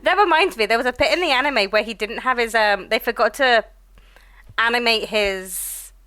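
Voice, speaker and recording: A woman's voice: a little high, normal speed, pushed and bright. A woman co-hosting a fan podcast, chatting in a casual, playful and informal way. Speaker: podcast co-host.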